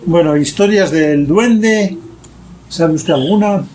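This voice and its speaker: A man conducts an interview, putting in brief questions to draw out stories. His voice is fairly high. Heavy background noise and barking dogs fill the recording. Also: slow, darkish tone.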